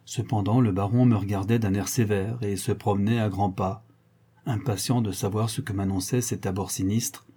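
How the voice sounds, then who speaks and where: Dark husky male audiobook narrator. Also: lowish voice, fairly even intonation. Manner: measured literary narration. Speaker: audiobook reader. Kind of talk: reading a classic novel aloud.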